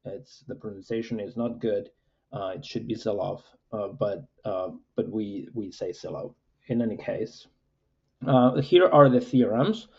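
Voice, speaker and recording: A man, a mathematics professor, lecturing with frequent "uh" fillers in a measured, explanatory way. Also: on the low side, gravelly, a little mellow, lo-fi sound.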